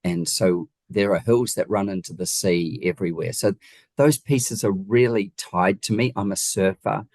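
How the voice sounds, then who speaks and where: In a low-pitched, steady voice with a slightly mellow quality, this New Zealand man from around Wellington talks at a normal speed. He's a home designer guesting on an interview, answering conversationally and with emphasis, often through rhetorical questions. No room sound is audible.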